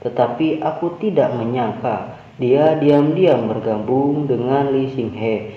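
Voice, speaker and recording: A man's voice: medium pitch, slow, slight background noise, lightly acted. Brief: man doing icy vengeful young hero from a comic recap, scornful, roomy dull sound. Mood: bitter. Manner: contemptuous, threatening. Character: young male cultivator, cold, vengeful.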